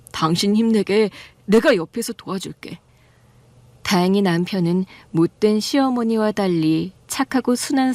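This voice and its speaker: A woman narrating a first-person story in a calm, confiding tone, like an audiobook. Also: mid-range voice.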